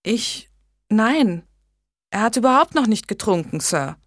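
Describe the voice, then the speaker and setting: An anxious, tender young woman with a raised, pleading voice that rushes and rises when she frets, as a woman narrator puts her on. she sounds close and dry, as if read into a mic in a quiet booth. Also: fairly high pitch, lively intonation, no room sound, voice pushed up. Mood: flustered. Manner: pleading, tearful, hurried.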